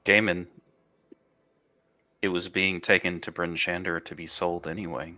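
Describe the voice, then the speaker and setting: A man's voice: deep voice, little pitch movement, fairly quick, bright, forceful tone. A man taking part in a tabletop role-playing game as a player, chatting casually.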